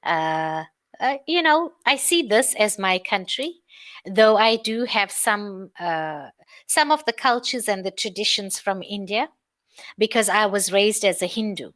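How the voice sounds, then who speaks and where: A woman from South Africa teaching English, asking friendly questions in an unhurried way with many fillers. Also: mid-range voice, a bit bright. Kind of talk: conversation lesson on a call.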